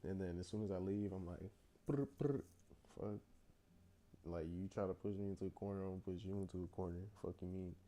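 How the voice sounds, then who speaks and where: A man's voice: low voice, level tone, rapid-fire, few pauses, dark tone. A young man telling a story from his own past in a casual vlog, talking in a blunt, profane, slangy and rambling way. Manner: loose and rambling with many restarts. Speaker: vlogger.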